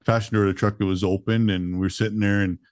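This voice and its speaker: Canadian guest, 30s, low-pitched man, dry close sound, casual and laid-back storytelling. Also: flat delivery, quick pace, smooth, no room sound. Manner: laid-back, chuckles through grim details.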